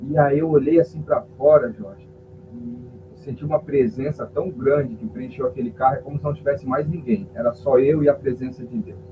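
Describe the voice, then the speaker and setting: A man's voice: mid-range voice, brisk. A male pastor, telling an emotional testimony in a podcast interview and acting out the voices of people in his story. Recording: tinny phone-like sound with faint hum.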